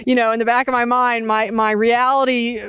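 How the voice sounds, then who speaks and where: A woman guest who breeds and sells horses, telling a story in a rambling, animated way full of fillers. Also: fairly high pitch, a little fast, smooth, no room sound. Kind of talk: casual interview talk.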